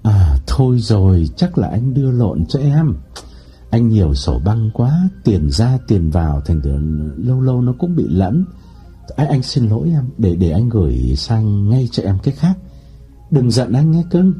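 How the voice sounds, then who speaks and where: A man playing a smooth-talking cad. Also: fairly low pitch, sing-song, unhurried, dark tone, soft background music, exaggerated voice. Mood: eager. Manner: eager, ingratiating, feigns surprise.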